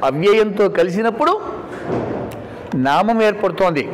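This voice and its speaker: A man with a high voice teaches scripture in a devotional discourse, leaning hard on key words and then dropping to quiet asides. His voice rings through a hall with a long reverb tail. A faint hum of background noise sits under the talk. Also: expressive, moderate pace. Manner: emphatic, instructive, swings between loud stresses and quiet asides. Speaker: religious discourse speaker.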